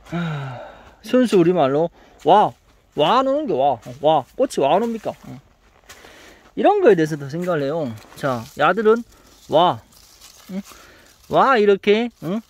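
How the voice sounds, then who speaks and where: A man's voice: on the high side, sing-song, a little slow, pauses often. A man with a Gyeongsang accent, a crop consultant talking through a field visit, questioning and teasing as he coaches. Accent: Gyeongsang Korean. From Gyeongsang region, Korea. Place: outdoors in a farm greenhouse.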